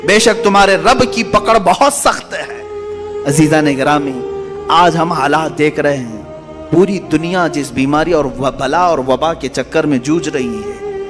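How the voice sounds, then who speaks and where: Male preacher, fairly high pitch, impassioned sermon delivery, reverberant hall with music behind. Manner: impassioned, rising to loud emphatic peaks. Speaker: Islamic preacher.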